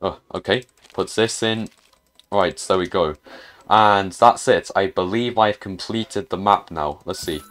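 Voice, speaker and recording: A man's voice: low-pitched, unhurried, fairly bright tone. A man giving casual gameplay commentary as a gaming YouTuber, muttering hesitantly to himself with frequent restarts.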